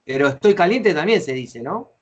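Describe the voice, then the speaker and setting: A man's voice: on the high side, lively intonation, moderate pace, dull audio, noisy background. A middle-aged Argentine man runs a facilitator training session, talking at length in a slightly raised voice. He explains in a chatty way and acts out short example phrases. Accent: Argentine Spanish.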